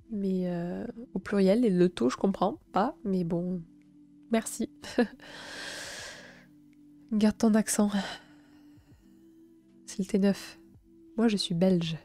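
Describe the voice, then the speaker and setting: Warm-voiced woman with a southern French accent. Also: mid-range voice, fairly even intonation, slow pace, pauses often, faint music behind. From South of France. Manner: soft, hesitant asides with frequent fillers between read passages. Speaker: live streamer. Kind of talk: reading astrology text aloud and chatting with viewers.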